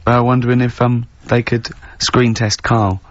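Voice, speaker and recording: English radio host teasing, laughing often. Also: male voice, medium pitch, level tone, normal speed. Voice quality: lots of laughter, mock outrage. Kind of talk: casual radio chat, teasing banter. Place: radio studio. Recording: dull radio broadcast sound.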